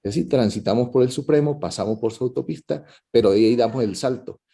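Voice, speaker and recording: A man commenting during an online talk, explaining slowly and thoughtfully with many fillers and restarts over a video call. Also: medium pitch, gravelly, mellow, breathy edge. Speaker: conference participant. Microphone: video call microphone.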